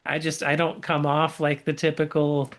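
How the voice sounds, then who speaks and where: A woman from Oklahoma with a faint drawl co-hosting a casual sports podcast, bantering at an easy, unhurried pace. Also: low-pitched, little pitch movement. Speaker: podcast co-host. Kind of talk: casual chat.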